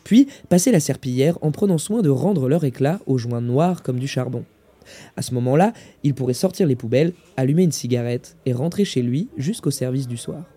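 A man narrating a literary short story in a measured, descriptive way. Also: medium pitch, expressive, dark tone, breathy edge. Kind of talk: scripted story reading.

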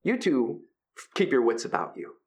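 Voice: mid-range voice, huge pitch swings, normal speed, darkish tone. A game master narrating a tabletop role-playing game with dramatic, suspenseful scene-setting. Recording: music behind the voice.

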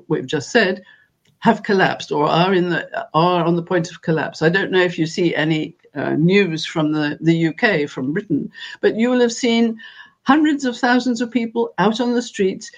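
Earnest woman giving emphatic interview answers. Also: lowish voice. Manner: earnest, emphatic, deliberate phrasing with repetition. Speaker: interviewed guest and spokesperson for an organisation. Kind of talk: earnest interview answer on world affairs and spirituality.

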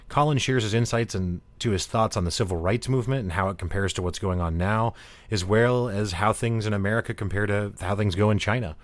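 Hosting an interview podcast, a man with a fairly low voice speaks in a conversational presenter style. The recording is dry, with very little room sound.

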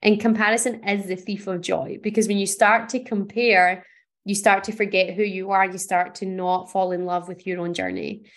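A woman's voice: mid-range voice, lively intonation, normal speed. Earnest encouraging woman podcaster from Scotland. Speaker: podcast host. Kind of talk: motivational podcast monologue.

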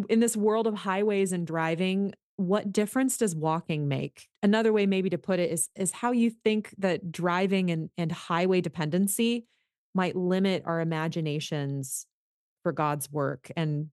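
A woman's voice: lowish voice, fairly even intonation, measured pace, a little mellow, clear, resonant tone, no room sound, studio quality. A woman from the United States hosting an interview, asking earnest, curious questions in a conversational way. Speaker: podcast host.

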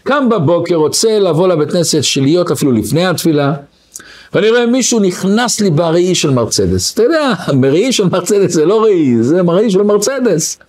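A man, a rabbi, giving a Torah lesson full of stories, acting out the voices of the people in them. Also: high-pitched. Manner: animated storyteller who acts out quoted voices.

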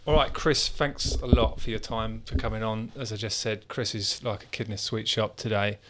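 A man's voice: lowish voice, steady tone, moderate pace, a little hiss or hum. Chatty podcast host, man. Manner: chatty, informal. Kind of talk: casual podcast intro and interview.

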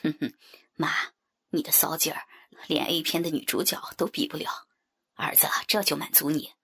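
A mocking young man in whispered role-play, acted by a woman who drops her voice low. The husky whisper is sharp and bright at the edges. Faint music plays behind. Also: steady tone, normal speed, heavily acted. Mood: teasing. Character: teasing grown son, male, mocking.

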